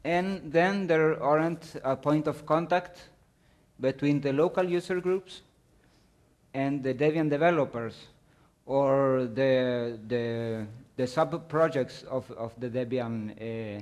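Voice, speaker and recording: A man giving a technical presentation with slides, speaking in a halting way and often searching for words. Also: mid-range voice, a little mellow. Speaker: conference presenter.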